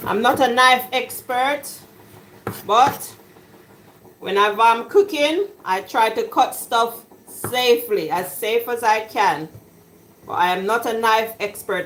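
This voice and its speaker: A woman's voice: on the high side, fairly bright tone, slight background noise, rough recording. A woman hosting a casual live cooking stream from her home kitchen, chatty and greeting viewers by name. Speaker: cooking livestream host. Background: washing machine running.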